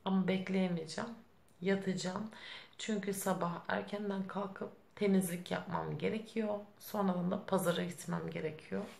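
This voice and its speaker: Young woman vlogger, fed up and tearful, gravelly fry, echoey room. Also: medium pitch, fairly even intonation, moderate pace, a little mellow. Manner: frustrated, self-scolding, close to tears. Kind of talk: casual vlog talk to camera.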